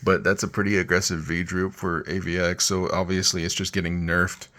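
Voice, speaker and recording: Man, low voice, weary, exasperated, informal tech vlogger, rambling screen-demo commentary. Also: flat delivery, fairly quick, pushed and bright. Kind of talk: casual rant over screen demo.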